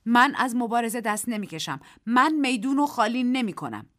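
A woman's voice: on the high side, big pitch swings, voice pushed up. A woman reading a desperate, pleading man. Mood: defiant. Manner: pleading, then defiant. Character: desperate man clinging to reason and love. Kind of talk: dramatic radio story reading.

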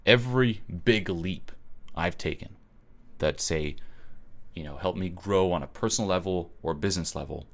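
Speaking at a moderate pace, a man from Switzerland uses a low, creaky voice for his motivational webinar. The talk is blunt and emphatic, with plenty of swearing and repeated "okay?" check-ins.

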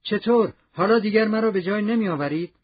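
Guy putting on a shaky old gardener, fussy and chatty, high husky voice, kinda muffled recording. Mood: astonished. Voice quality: trembling voice. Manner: exclaiming, rapid questions. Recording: dull lo-fi audiobook recording.

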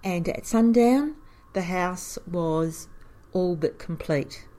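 Lively woman telling local history. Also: fairly low pitch, slow. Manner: animated storyteller, chuckles often. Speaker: caretaker of a historic cottage museum. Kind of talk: storytelling in an interview.

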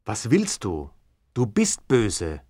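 An indignant scientist, storybook drama, slow, deliberate, lively pitch. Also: male voice, breathy edge, no echo, studio quality, exaggerated voice. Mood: wary. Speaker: narrator and scientist character.

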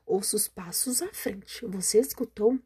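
A woman voicing a big, hungry male forest monster who is easily amazed, in a storybook reading, with a breathy voice. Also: mid-range voice, dark tone. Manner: amazed, slow.

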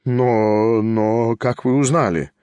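A male reader voicing a nervous, timid older man in an audiobook, speaking slowly and hesitantly with stammers. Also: medium pitch, steady tone, darkish tone, clear, resonant tone, no echo, close to an everyday voice. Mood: flustered. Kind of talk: audiobook character voice.

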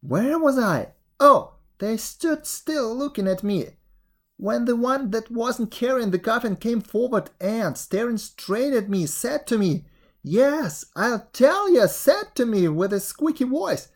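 A woman reading aloud and voicing an excitable male village sexton who tells an eerie tale with rising wonder. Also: takes it slowly, exaggerated voice. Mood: excited, eerie. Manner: breathless storytelling, rising pitch, wondering. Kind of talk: storybook reading.

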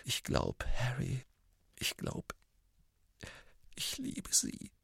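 Guy putting on a dazed lovestruck teen wizard for a storybook, breathy whispers, swings all over. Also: big pitch swings, measured pace, no echo, clean studio sound, full character voice. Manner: breathy lovestruck whispering, then shrill shouting. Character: lovesick teenage boy wizard, gushing, then furious.

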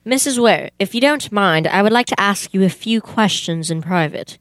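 A young woman voices a brisk, businesslike male detective who is quick to get exasperated, asking deadpan questions in a comic old-time radio play. Her voice sits in the mid range at an ordinary speed, sounding natural and formal in a dry recording.

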